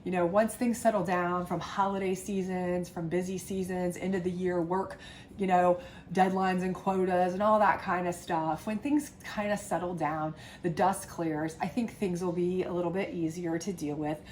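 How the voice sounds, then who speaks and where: Fairly low-pitched and a little mellow, this woman keeps a moderate pace and fairly even intonation despite sinus congestion. She gives a warm, chatty tarot love reading to camera, heavy on fillers and asides, against slight background noise.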